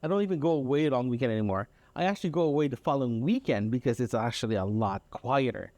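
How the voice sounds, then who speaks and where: Speaking fast and animated at a medium pitch, a Canadian podcast host delivers his casual audio diary in a darkish tone on a dry recording. His everyday stories ramble and repeat, carry mild exasperation, and keep turning to the listener.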